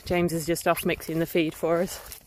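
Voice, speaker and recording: A woman's voice: fairly low pitch, level tone, normal speed, a little hiss or hum. Chatty woman, slightly out of breath. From England. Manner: chatty, giggly, lots of ums. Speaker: smallholding vlogger. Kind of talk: casual vlog to camera. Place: outdoor field on a farm.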